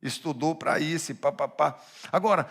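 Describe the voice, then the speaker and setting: A male pastor preaching a sermon, swinging between hushed asides and shouted emphasis and asking his congregation direct questions. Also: fairly high pitch, normal speed, creaky.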